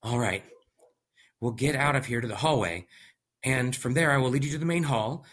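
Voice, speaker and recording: A man's voice: mid-range voice, moderate pace, a bit bright, voice pushed up, lightly acted. A man voicing a panicky young male lab worker who stammers and curses. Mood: urgent.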